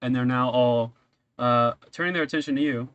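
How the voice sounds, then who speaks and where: A man working as game master of a tabletop role-playing game, narrating casually in a halting, hesitant way. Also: medium pitch, fairly bright tone, clear, resonant tone, no echo, highs cut off.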